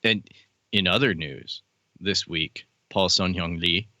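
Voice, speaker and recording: Bright-voiced man, low and animated. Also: takes it slowly, no echo. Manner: animated, swears casually, fan enthusiasm. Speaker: podcast co-host. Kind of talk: casual chat.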